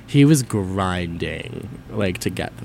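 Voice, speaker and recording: A young man of nineteen, pitched a little low, answering his friends' questions in a casual college chat. He hedges with ums and likes and breaks into laughs. A faint background hiss sits under the recording. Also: expressive, slow pace, gravelly, a little mellow. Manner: hesitant, full of ums and likes, laughing often. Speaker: guest being interviewed.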